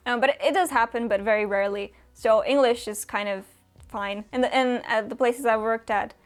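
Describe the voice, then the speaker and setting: A young Romanian booktuber answers viewer questions in a casual chat, with lots of fillers and small laughs. Her voice is a little high and steady, at a normal speed.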